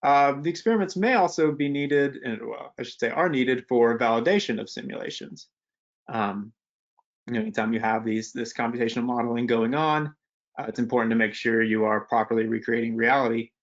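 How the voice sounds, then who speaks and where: A man's voice: mid-range voice, brisk, lo-fi sound. A young man presenting a technical webinar in a casual, conversational way, with many fillers and restarts. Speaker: webinar presenter, postdoctoral researcher.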